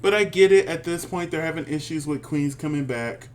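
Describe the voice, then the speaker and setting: A man in his thirties with a slightly high voice, talking in a sassy, animated way. He keeps it casual and says "honey" often, and a faint hiss sits under the recording. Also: a little fast. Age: 30s. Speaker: podcast co-host. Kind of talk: casual chat.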